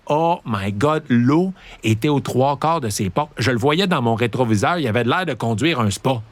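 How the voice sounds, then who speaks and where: Lively Québécois man joking around. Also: mid-range voice, no room sound. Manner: playful, exaggerated punchlines. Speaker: host. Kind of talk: comedic monologue.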